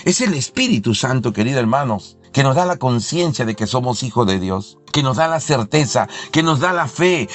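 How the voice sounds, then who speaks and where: Fervent male preacher, faint music. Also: mid-range voice. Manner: fervent, rising to loud exclamations. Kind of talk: sermon.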